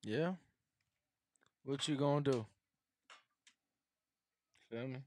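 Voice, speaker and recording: A man's voice: mid-range voice, very slow, mellow. A man chatting casually on a livestream in slangy bro talk with swearing.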